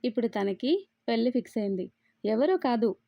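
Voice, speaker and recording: A woman's voice: fairly high pitch, very animated, moderate pace, creaky, dry recording, dull audio. A woman voicing a playful, reassuring young woman in a storybook reading. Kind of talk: storybook read-aloud.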